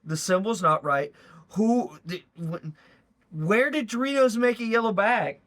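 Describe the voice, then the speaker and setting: A man's voice: high-pitched, a little slow, a bit bright. A man streaming live, reacting to a video in loose, rambling chat, swearing and talking to his viewers.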